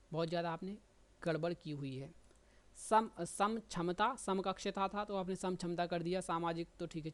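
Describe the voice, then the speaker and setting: A man, going through students' stenography test results and correcting their mistakes one by one. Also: fairly high pitch. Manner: explanatory, corrective, addresses students by name. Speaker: stenography teacher. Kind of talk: result analysis lesson.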